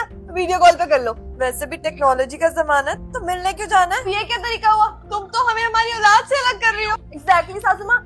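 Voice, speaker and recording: A woman's voice: very high-pitched, pushed and bright. A woman acting in a comic family skit, trading bickering lines between a mother-in-law and a daughter-in-law. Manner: bantering, bickering dialogue.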